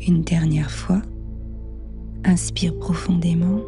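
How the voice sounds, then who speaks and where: A woman leading a guided meditation in a soft, half-whispered, soothing voice with long pauses. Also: lowish voice, flat delivery. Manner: slow, hushed, soothing delivery with long pauses. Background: new-age music.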